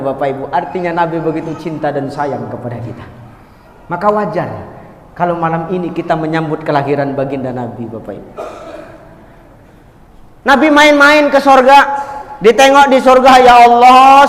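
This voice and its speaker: A man gives a humorous sermon to a congregation, telling stories lively and bantering with the audience. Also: sits high. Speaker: preacher. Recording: echoey hall with long reverb.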